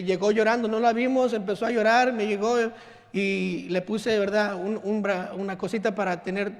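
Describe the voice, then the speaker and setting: Preaching pastor in a reverberant church. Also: male voice. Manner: earnest preaching, drops soft and low on key lines. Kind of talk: sermon. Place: church sanctuary.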